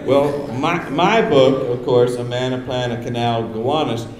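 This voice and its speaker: Joking talk-show host in a roomy theater. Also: male voice, mid-range voice, measured pace, crowd noise. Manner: playful, deadpan jokes. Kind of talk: live comedy talk show. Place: theater stage with live audience.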